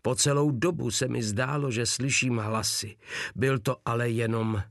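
A man narrating a war novel as a first-person audiobook, in an even, measured reading. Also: medium pitch, creaky, dry recording, studio quality.

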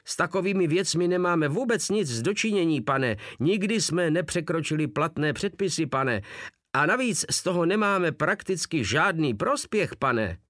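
A man voicing a frightened soldier who rattles off hurried, stiffly formal replies, in an audiobook reading. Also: fairly high pitch, animated, a bit bright, dry recording, clean studio sound, voice pushed up. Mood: nervous. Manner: hurried, nervous military replies.

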